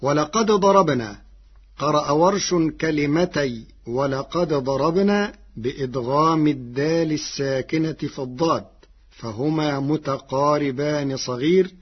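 A man explaining variant Quran readings in formal, measured speech, chanting each quoted verse slowly, from a dull lo-fi radio broadcast. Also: fairly high pitch, breathy edge. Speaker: Quran recitation teacher. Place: radio studio.

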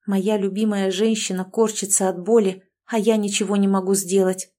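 A woman's voice: medium pitch, little pitch movement, normal speed, dark tone. Woman narrating an anxious first-person story. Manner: anxious, wry inner monologue. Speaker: audiobook narrator.

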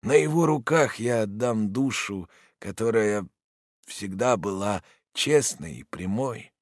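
A man voicing a dying old worker who speaks weakly to his son, halting and breaking off mid-word. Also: lowish voice, lively intonation, darkish tone, no echo, studio quality. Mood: feeble. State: weak, fading breath. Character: dying old male worker, weak and solemn father.

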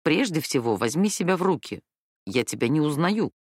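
A calm grown woman friend with a deep, trained chest voice, as a woman reading a storybook puts her on, steady and reassuring. Her lines sit clearly lower than the reader's own voice. The recording is dry and close, with no room echo. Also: normal speed, full character voice. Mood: firm. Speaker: rehearsing performer.

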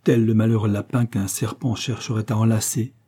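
A man voicing a desperate young gentleman who feels hunted by fate, telling his story anxiously. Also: fairly low pitch, fairly even intonation, brisk, breathy edge.

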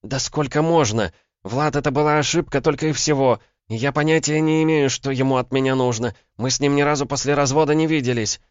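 A man's voice: a little fast, smooth, no room sound, muffled recording, lightly acted. A man voicing a fiery, proud young woman who answers sharply and scornfully. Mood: indignant. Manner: sharp, scornful, shrill when shouting.

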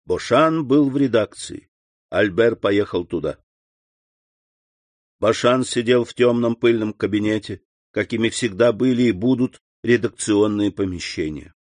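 A man narrating a classic novel as an audiobook in an even, measured reading. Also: on the low side, dry recording. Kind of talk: scripted narration.

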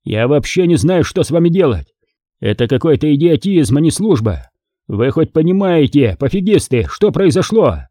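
A man reading an audiobook, voicing a furious, foul-mouthed middle-aged army battalion commander who shouts and bullies. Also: a little high, very animated, normal speed, no echo, clean studio sound, voice pushed up. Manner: shouting, swearing, bullying.

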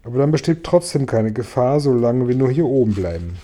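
A man voicing a boastful male centipede in a storybook reading, calling out in a raised, excited voice. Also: medium pitch, a little fast, lightly acted. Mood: reassuring.

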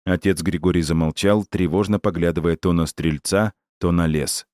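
A man reading a story aloud in a measured, even audiobook narration. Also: deep voice, dry recording.

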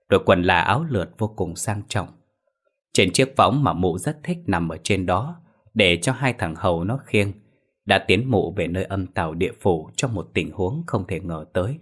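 A man with a very deep, low voice narrates a scripted ghost story. His delivery is measured and ominous. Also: breathy edge.

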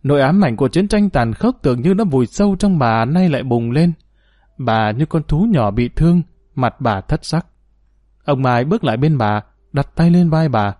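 A man reading a serialized story aloud in a calm, measured, formal storytelling manner as the program's host. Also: mid-range voice, dry recording, clean studio sound. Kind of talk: scripted story narration.

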